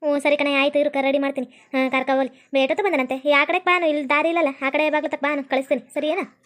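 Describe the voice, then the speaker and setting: Very high-voiced North Karnataka woman. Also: steady tone, fast talker, fairly bright tone. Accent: North Karnataka Kannada. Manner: rustic, scolding, complaining. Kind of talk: cartoon comedy voice acting.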